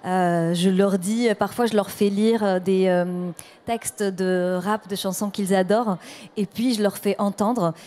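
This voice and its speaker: Woman poet on a panel, hesitant and halting, soft mellow tone. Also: mid-range voice, steady tone. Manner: hesitant, many fillers and restarts. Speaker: poet and performer. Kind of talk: panel discussion answers.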